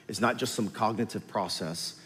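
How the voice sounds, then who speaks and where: A male pastor giving a sermon, telling the story with lively, animated delivery and acting out the characters. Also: on the low side, normal speed. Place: large church hall. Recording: hall reverb with faint music.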